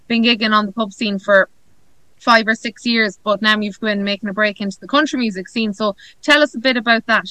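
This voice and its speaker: A woman's voice: mid-range voice, fairly quick, pushed and bright, no echo. A woman with an Irish accent hosting a podcast in a conversational interview style. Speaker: podcast host.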